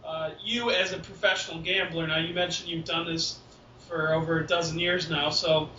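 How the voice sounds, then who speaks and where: A man hosting a podcast who agrees with his guest and steers the talk along. His voice is high and bright. It sounds distant and roomy, with a dull, faintly hissy recording. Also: level tone, normal speed. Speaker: podcast host. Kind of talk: casual interview.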